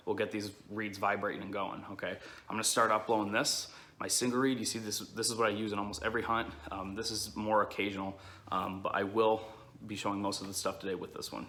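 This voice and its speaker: Male, lowish pitch with a bright edge, casual tutorial delivery, plain-spoken explainer. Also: slight background noise. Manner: informal, explanatory, frequent check-ins like "okay" and "all right". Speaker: duck-calling instructor.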